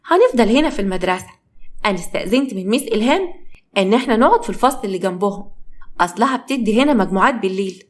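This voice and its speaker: A woman voicing a sweet teenage younger sister, soft and reassuring, in an Egyptian accent. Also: medium pitch, animated, rapid-fire, close to an everyday voice. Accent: Egyptian Arabic.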